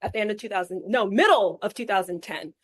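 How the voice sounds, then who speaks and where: A woman's voice: mid-range voice, quick pace, husky. A woman from the Caribbean, a life coach, talking frankly and energetically as a podcast guest, cursing casually. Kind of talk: candid interview conversation.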